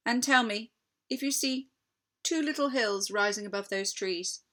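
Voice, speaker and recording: A woman's voice: on the high side, unhurried, pushed and bright. A woman voicing a queenly witch, slyly sweet and coaxing, in a commanding storybook manner. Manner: commanding, wheedling.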